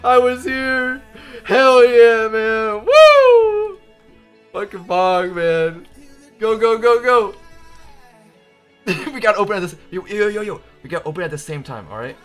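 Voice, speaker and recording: A man streaming a game in a very high, bright voice, hyped up and swearing in loud bursts. Faint music plays behind him. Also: a little slow, clean tone. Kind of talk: excited gameplay streaming.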